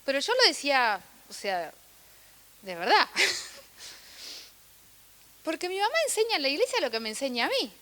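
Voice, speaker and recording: A young woman with a Rioplatense Spanish accent, preaching a sermon in an animated, emphatic way, with asides and bits of laughter. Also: high-pitched, unhurried, long pauses, big-room sound.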